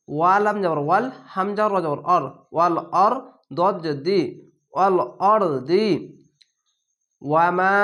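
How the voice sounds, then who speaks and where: A high-voiced man gives a Quran reading lesson. He breaks each word into its letters and syllables, then draws the whole word out in a slow chant before going back to plain explanation. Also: a bit bright. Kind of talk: spelling-out recitation lesson.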